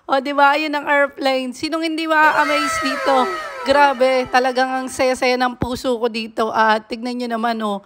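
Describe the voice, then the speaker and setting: A woman narrating a casual travel vlog while walking through an indoor theme park, exclaiming excitedly to her viewers as she films on a handheld phone. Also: high-pitched, moderate pace, a little hiss or hum. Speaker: vlogger.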